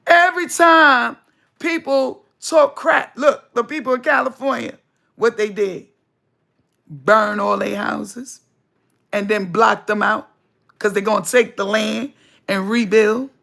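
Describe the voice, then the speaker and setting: Slow, gravelly woman preaching. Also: a little high, steady tone, pushed and bright. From United States. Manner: emphatic, preachy, repeats lines for stress. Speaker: livestream host. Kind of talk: spiritual livestream monologue.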